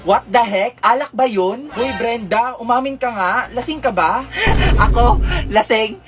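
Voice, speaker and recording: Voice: medium pitch, unhurried, a bit bright, faint music behind. A performer doing brash, teasing comic skits, switching between school and shop characters with slangy back-and-forth. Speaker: comedy skit creator playing every part.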